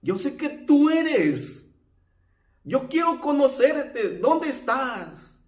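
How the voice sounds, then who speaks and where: A male preacher voicing a desperate blind beggar man who shouts and pleads. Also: very high voice, very animated, drawn-out words, roomy sound, voice pushed up, exaggerated voice. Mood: pleading.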